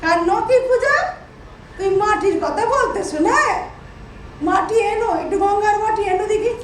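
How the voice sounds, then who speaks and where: A woman's voice: very high-pitched, moderate pace, slight background noise. An actress playing a hard-of-hearing mother-in-law who mishears everything and snaps back querulously. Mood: confused. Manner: querulous, confused, sharp-tongued. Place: large auditorium stage. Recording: echoey hall from far off.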